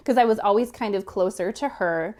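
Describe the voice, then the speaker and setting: A woman in her thirties tells a story on a podcast. She is lively and chatty, breaks into laughter often, and keeps saying "like" between thoughts. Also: medium pitch, brisk. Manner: animated, laughs often, heavy use of "like". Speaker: podcast guest. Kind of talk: casual storytelling.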